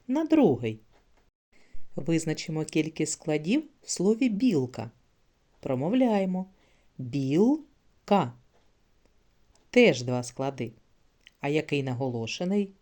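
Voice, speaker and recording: A woman's voice: sits low, dark tone. A woman teaching a literacy lesson to young children, speaking patiently and drawing out sounds and words for them to repeat.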